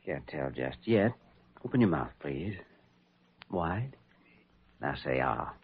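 An actor playing an earnest, firm doctor in an old-time radio drama, measured and authoritative. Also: male voice, a bass voice, big pitch swings, breathy edge, exaggerated voice. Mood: calm, reassuring. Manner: authoritative, measured, reassuring to insistent. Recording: dull lo-fi old radio recording.

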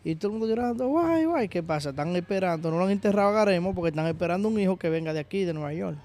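High-voiced man telling a lively story. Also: very fast, a little hiss or hum. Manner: animated storyteller, acts out voices. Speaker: podcast co-host. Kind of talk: casual storytelling.

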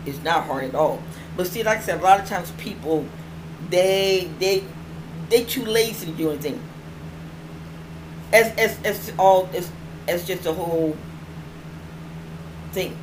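Toothless middle-aged woman, noisy recording. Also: on the low side. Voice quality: toothless, slightly slurred articulation. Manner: rambling, repeats phrases for emphasis. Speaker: online show host. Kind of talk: casual vlog chat. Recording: clearly noisy home recording.

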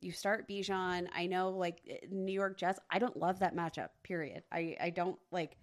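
A woman's voice: lowish voice, fairly even intonation, moderate pace. A woman co-hosting a casual sports podcast, talking emphatically and teasing her co-host, with many fillers.

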